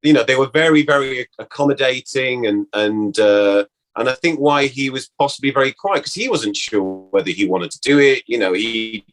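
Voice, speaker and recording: An actor speaks in an interview with a mid-range, fairly bright voice, sounding casual and reflective. He thinks aloud haltingly, repeating words as he goes. The audio quality is poor.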